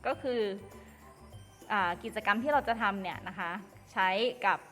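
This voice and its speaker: A woman teaching an English lesson to children, explaining slowly and carefully and addressing them fondly. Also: mid-range voice, animated, a bit bright. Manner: slow, careful explaining, addresses pupils as "ลูก". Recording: long reverb with faint music.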